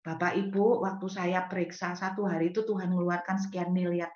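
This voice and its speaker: A young woman pastor delivers a sermon as lively storytelling, acting out little dialogues and laughing along the way. Her voice sits at a middle pitch and comes through a roomy, echoing space. The sound is a bit dull and lo-fi. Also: brisk.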